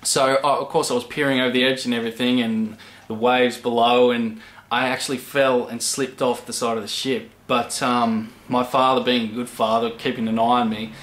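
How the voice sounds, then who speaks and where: A man in his twenties with an Australian accent, chatting casually to camera as a channel host, rambling with many pauses. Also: mid-range voice, little pitch movement, fairly bright tone. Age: 20s. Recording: echoey room.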